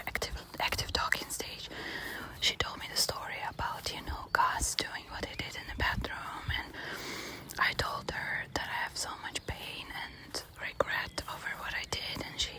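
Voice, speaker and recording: Hushed woman whispering a late-night ASMR storytime.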